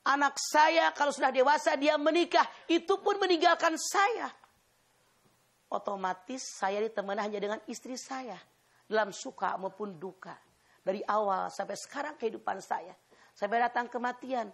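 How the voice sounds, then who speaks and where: A woman's voice: a little high, normal speed, fairly bright tone, voice pushed up. Woman doing a young male student, earnest, pleading, sermon storytelling. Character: young male student explaining his hard choice.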